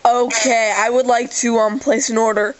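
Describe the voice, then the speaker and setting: A woman's voice: on the high side, little pitch movement, normal speed. A woman making a prank phone call. She acts confused, then slips into a mock-tearful, whiny plea. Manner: feigned confusion turning into mock-tearful whining. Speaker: prank caller.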